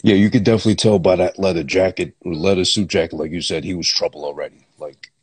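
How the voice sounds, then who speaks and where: A man's voice: low-pitched, steady tone, fast talker, a little mellow, slightly rough, dry recording. A man co-hosting a podcast, talking casually about a film with a critical, wry edge. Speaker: podcast co-host. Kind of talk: casual movie chat.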